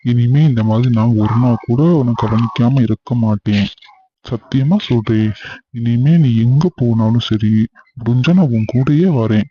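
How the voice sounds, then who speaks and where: A man's voice: medium pitch, fairly even intonation, normal speed, slight background noise, lightly acted. A young man acting a husband who argues, then coaxes his wife on a phone call. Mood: coaxing. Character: defensive young husband, later apologetic. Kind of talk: acted phone-call drama. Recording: slightly dull lo-fi sound.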